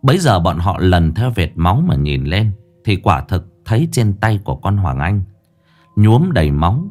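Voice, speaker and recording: A man narrating a horror story in a dramatic, lively way. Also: low-pitched, moderate pace, faint music behind.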